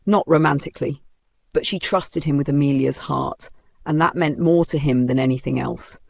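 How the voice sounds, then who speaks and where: A man's voice: fairly high pitch, moderate pace, vocal fry, darkish tone, no room sound, studio quality. A man with a Nigerian accent narrating a dramatic story with playful, humorous asides.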